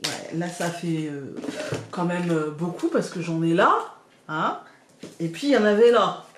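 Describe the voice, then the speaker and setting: A woman's voice: fairly low pitch, a little slow, background noise. Reflective woman reading tarot, roomy sound. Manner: reflective, gently reassuring, addresses viewers directly. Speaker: tarot card reader. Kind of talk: casual daily tarot reading to camera. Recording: roomy echo.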